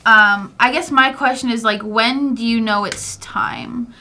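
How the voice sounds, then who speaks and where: Female podcast co-host, slightly high, bright voice, asks questions casually. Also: a little slow. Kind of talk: casual chat.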